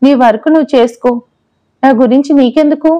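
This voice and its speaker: A woman's voice: high voice, brisk, warm tone, muffled recording, natural voice. A woman voicing a playful, teasing young wife in an audio story. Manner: teasing, pouty. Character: playful pregnant young wife, mock-sulky.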